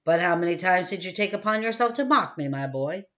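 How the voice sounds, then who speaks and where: A woman's voice: on the low side, moderate pace, muffled recording, lightly acted. A woman reading an audiobook, voicing a haughty, stern male village priest who presses with questions. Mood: haughty, pressing.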